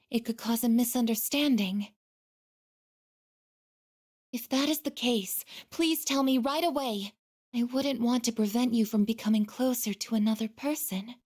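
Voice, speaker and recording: A woman voices a gentle, earnest android girl in a video game, her pitch a little high. She speaks politely and formally with soft introspection, sounding worried and sincere.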